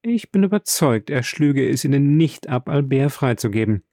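A man reading the part of an earnest young gentleman in an audiobook, polite and pressing, a bit raised in pitch. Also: animated, normal speed, dry recording, studio quality, natural voice. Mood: earnest, urgent.

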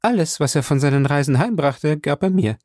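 A man voicing a chattering, warm-hearted older woman who gushes breathlessly. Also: on the high side, animated, brisk, no echo, clean studio sound, pitched above the performer's own voice, lightly acted. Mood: gushing.

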